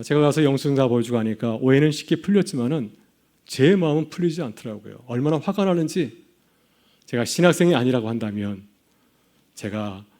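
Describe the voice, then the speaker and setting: A man's voice: mid-range voice, a little mellow. Man preaching a Sunday sermon. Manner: preaching with rhetorical questions to the congregation. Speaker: pastor.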